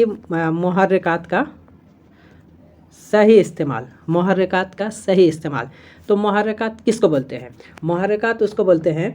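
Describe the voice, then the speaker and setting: In a warm, lowish voice, a woman works through exam-prep material from her notes one step at a time. As she goes back over the key terms, she uses fillers and corrects herself.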